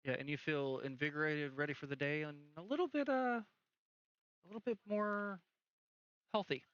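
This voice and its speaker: Bright-voiced high male game master. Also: normal speed, clear, resonant tone, no room sound, dull audio. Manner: easygoing, filler-heavy. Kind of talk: narrating a tabletop game.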